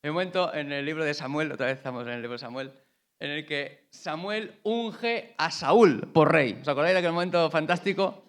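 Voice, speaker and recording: Animated colloquial pastor. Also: male voice, fairly high pitch, brisk. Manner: colloquial, animated storytelling with rhetorical questions. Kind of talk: sermon.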